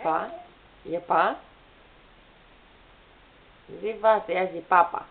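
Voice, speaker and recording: A woman's voice: on the low side, vocal fry. A young woman at home filming her toddler, coaxing her with playful, repetitive baby talk. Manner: coaxing, repetitive prompts to a small child. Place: home, in a room with a bed. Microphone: camera's built-in mic. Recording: tinny lo-fi home camera audio with faint noise.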